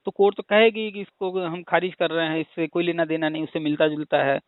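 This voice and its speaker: A fairly high-voiced man lectures patiently, building his points with rhetorical questions and homely examples. The sound is thin and phone-like, and very dry. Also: fairly even intonation, fairly quick, no room sound. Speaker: teacher hosting a call-in discussion. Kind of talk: casual explanatory phone chat. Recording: tinny phone line.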